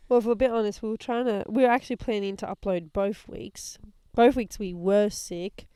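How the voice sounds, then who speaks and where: A young woman co-hosting a podcast in casual chat, laid-back and swearing freely, her voice hoarse from being sick. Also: medium pitch, fairly even intonation, a little fast, dark tone, no room sound. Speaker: podcast co-host. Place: outdoors, lying in a hammock.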